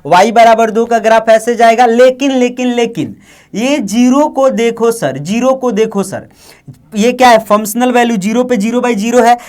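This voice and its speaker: A man's voice: very high voice, moderate pace, few pauses, a little mellow. A man from India with a Bihari Hindi accent, teaching an online maths lecture, who repeats himself and keeps asking the class if they follow. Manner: repetitive, coaxing, asks the class often.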